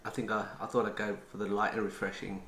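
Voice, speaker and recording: A man hosting a casual cooking demonstration, chatty and relaxed with frequent ums. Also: lowish voice, fast, reverberant. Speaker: cooking channel host.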